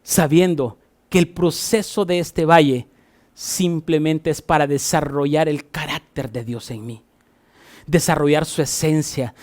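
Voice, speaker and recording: A male pastor with a Honduran Spanish accent preaches slowly and deliberately in a fairly high voice. He builds to loud, emphatic repeated phrases, then drops to soft, low asides. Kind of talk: sermon.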